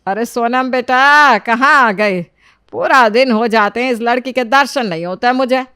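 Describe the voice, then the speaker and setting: A woman voicing a fussy older mother in a cartoon story, calling loudly and complaining. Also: medium pitch, sing-song, normal speed, no room sound, studio quality, lightly acted.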